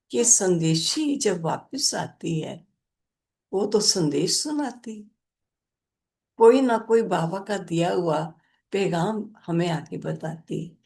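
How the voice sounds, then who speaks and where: An older woman, a spiritual teacher, gently recounting a personal experience in a spiritual discourse. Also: mid-range voice, lively intonation, slow pace, creaky.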